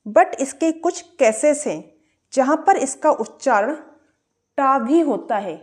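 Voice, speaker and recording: A woman's voice: sits high, expressive, takes it slowly. A woman teaching English pronunciation, spelling words out letter by letter and asking and answering her own questions. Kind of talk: explaining pronunciation rules.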